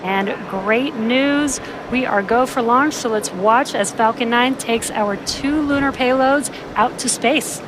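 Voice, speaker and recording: A woman with a fairly high voice hosts a live launch broadcast. She explains each step like an announcer. Clear ambient noise sits behind her voice. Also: takes it slowly, hardly any pauses. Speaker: launch webcast host.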